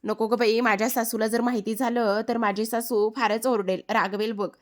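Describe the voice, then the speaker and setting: A woman's voice: a little high, flat delivery, normal speed, lightly acted. A woman voicing a timid, newly married young woman who speaks hesitantly and pleads. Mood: pleading.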